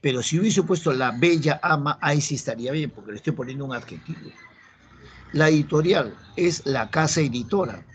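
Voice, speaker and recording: A man's voice: on the high side, animated, brisk, slight background noise. A male teacher from Peru explaining a grammar lesson step by step and checking in with his students. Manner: explains step by step, asks the class checking questions. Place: classroom.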